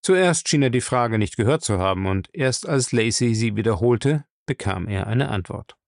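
Male narrator, gravelly, measured audiobook delivery, dry close sound. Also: medium pitch, no echo. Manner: steady, measured storytelling. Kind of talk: audiobook reading.

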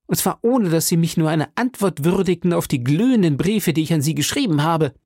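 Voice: medium pitch, animated, fairly quick, mellow, slightly rough, dry recording, studio quality, pitched above the performer's own voice. A reader voicing a vain, boastful male musketeer who speaks pompously and pities himself in an audiobook. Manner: pompous, self-pitying. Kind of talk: audiobook character reading.

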